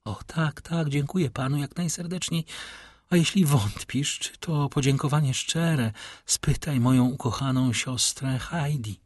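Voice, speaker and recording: Earnest young woman, voiced by a male reader, grateful, eager, husky tone, dry recording. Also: mid-range voice, measured pace, dry recording, pitched above the performer's own voice, close to an everyday voice.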